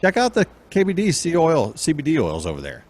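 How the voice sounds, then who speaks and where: A man's voice: on the high side, huge pitch swings, a little fast, a little mellow. A man hosting a talk show with crude, joking, casual banter. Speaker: show host.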